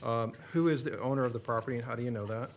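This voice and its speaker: City attorney, male, American. Average pitch, explanatory and informal wording in a legal setting, light room noise. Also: rapid-fire. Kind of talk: legal explanation and witness questioning. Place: public hearing room.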